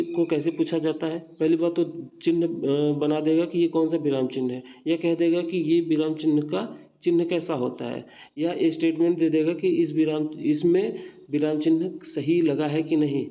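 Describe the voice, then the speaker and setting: A man with a somewhat raised, gravelly voice teaches a grammar class for exam students. He talks through each point step by step, asking questions and answering them with examples. The recording sounds dull and lo-fi. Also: fairly high pitch. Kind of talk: exam-prep grammar lesson.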